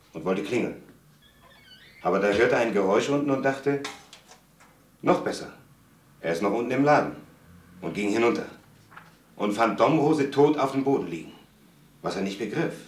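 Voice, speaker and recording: A young son lays out the night's events in a measured, steady telling, as a man plays him. His voice is fairly low and sounds roomy and a little distant over a faint hiss. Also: natural voice. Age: young adult. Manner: measured storytelling. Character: young son recounting a crime, tense. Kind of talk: 1970s TV crime drama monologue.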